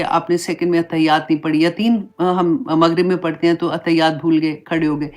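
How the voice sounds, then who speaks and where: A woman religious teacher giving a conversational Islamic class lesson, mixing English words into her explanations. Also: mid-range voice.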